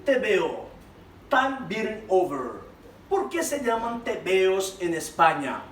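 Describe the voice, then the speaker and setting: A Brazilian man teaching a Spanish lesson, explaining terms to his students in an animated, direct way. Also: high-pitched, takes it slowly. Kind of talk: classroom lesson mixing Spanish and Portuguese. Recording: echoey room, far from mic, faint background noise.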